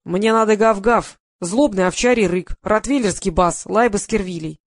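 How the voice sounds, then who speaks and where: A reader putting on an impatient male film director, loud and commanding, who barks one order after another. The voice sits a little above the reader's narration and comes through close and dry, with no room around it. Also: medium pitch, moderate pace, no echo, lightly acted. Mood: insistent. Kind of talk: audiobook character voicing.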